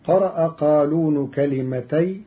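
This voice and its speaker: A man giving a formal scholarly explanation of Quran readings in a measured, deliberate way, on a dull lo-fi recording. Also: fairly high pitch. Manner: measured and deliberate, chanting quoted verses.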